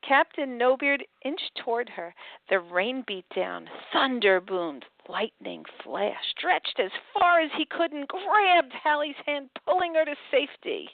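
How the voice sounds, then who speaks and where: An older woman, an author and host, reads a picture book aloud with lively pitch swings and then chats warmly about it. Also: unhurried, no echo. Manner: animated storybook reading with wide pitch swings. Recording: tinny phone-like line, dry.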